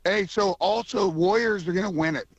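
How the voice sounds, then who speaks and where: Gravelly-voiced man calling on a phone. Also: high-pitched, moderate pace, no echo. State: coarse, gravelly voice from allergies. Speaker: radio show caller. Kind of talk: casual call-in chat. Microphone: phone call to radio show. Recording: band-limited phone line.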